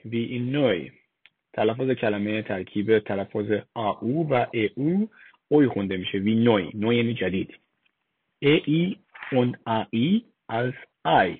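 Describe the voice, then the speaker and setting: A man gives a slow, step-by-step pronunciation lesson, spelling out sounds one at a time with frequent pauses. His voice is slightly low and husky. The recording is dry and thin, like a phone line. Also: no room sound. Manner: slow, spelled-out explanations, vowel by vowel, with fillers. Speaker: German language teacher. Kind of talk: slide-based language lesson.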